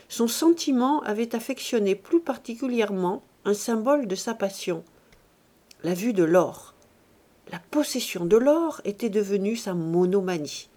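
A woman narrating a classic novel in a measured, expressive audiobook reading. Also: medium pitch.

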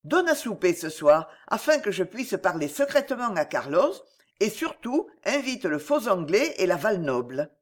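A woman's voice: medium pitch, big pitch swings, moderate pace. A woman reading a storybook and voicing an anxious young man, earnest and worried. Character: anxious young man, a fashionable ruined suitor.

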